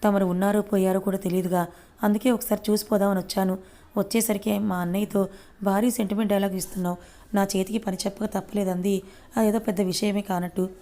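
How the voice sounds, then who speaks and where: A woman's voice: mid-range voice, level tone, fast, warm tone, natural voice. A woman voicing a playful, teasing young woman in a storybook reading. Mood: sulky.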